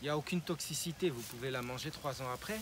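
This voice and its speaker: A man's voice: mid-range voice, fast. A man who farms spirulina, patiently explaining his process step by step in an interview. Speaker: spirulina farmer. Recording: noisy ambient background.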